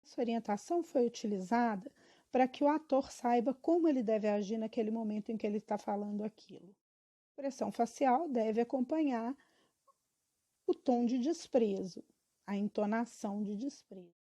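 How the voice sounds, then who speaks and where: A woman's voice: a little high, normal speed, warm tone. A girl of about twelve, reading school questions and her answers aloud, evenly and with small stumbles. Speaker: student.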